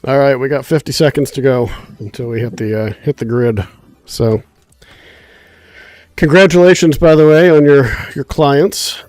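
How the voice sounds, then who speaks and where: Soft background music plays as a male streamer with a congested, nasal, medium-pitched, darkish voice chats on a gaming livestream at normal speed. His talk is easygoing and meandering, full of fillers as he thinks out loud, with no echo in the sound.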